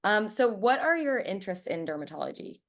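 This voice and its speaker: A woman in her twenties, a medical student hosting a podcast interview, asking measured, friendly questions. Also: mid-range voice, big pitch swings.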